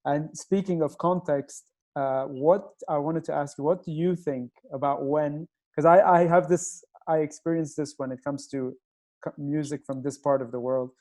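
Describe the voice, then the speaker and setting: A man's voice: a little high, fairly even intonation, moderate pace, a little mellow. A man who grew up in Nigeria hosts a casual interview over a video call. He talks hesitantly and searches for his words. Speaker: host.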